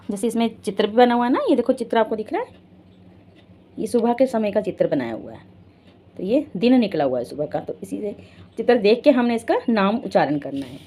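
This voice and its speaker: A woman's voice: medium pitch, dark tone. A woman teaching a children's Hindi lesson, patient, asking the children questions and repeating each step.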